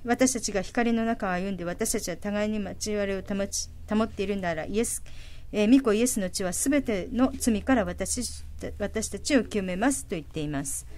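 A woman giving a live interpretation of a sermon. She speaks haltingly, with frequent fillers and self-corrections. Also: mid-range voice, darkish tone. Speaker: simultaneous interpreter.

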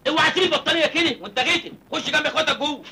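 A high-voiced, cheeky village lad in a comedy film. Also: male voice, expressive, rapid-fire, bright, forceful tone, slight background noise, full character voice, low-quality recording. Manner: cheeky, joking, whiny. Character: cheeky hungry young villager man, joking.

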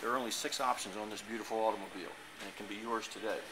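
A man with a lowish voice delivers an eager sales pitch, reeling off car figures one after another. He is recorded on a handheld camera in a showroom, with clear room noise all around him. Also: steady tone, racing. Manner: enthusiastic, reciting specs. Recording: noisy showroom ambience.

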